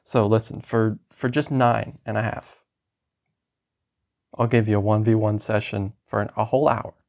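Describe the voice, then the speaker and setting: A smug, haggling seaweed farmer with a low voice, as a player puts him on. He talks in a wheedling, salesman-like way. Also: steady tone, moderate pace, creaky, darkish tone.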